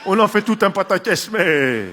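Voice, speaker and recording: Male comic as sheepish, secretly thrilled regular guy; stand-up act-out, high, swooping, exclamatory delivery. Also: lively intonation, normal speed, pushed and bright, a faint crowd, a little hiss or hum. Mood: flustered delight.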